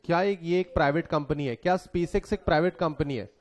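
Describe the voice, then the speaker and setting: A young Indian man giving a relaxed classroom lecture that mixes Hindi and English, asking his students questions and answering them himself. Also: on the high side, fairly quick, highs cut off. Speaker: exam lecturer.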